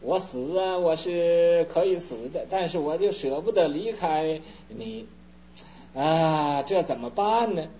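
A man voicing a sickly old father who speaks in a slow, hushed, pleading voice. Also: fairly high pitch. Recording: dull lo-fi recording with faint hum.

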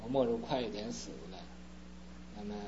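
Brief: man voicing a frail old father, low, slow, pleading, lo-fi recording with faint hum. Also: steady tone, natural voice.

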